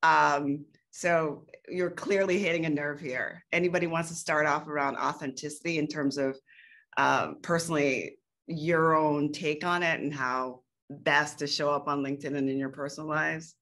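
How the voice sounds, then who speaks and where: A woman's voice: low-pitched, fairly even intonation, moderate pace, a bit bright. A woman hosting a panel conversation, putting questions to the guests in a conversational way. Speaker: panel moderator.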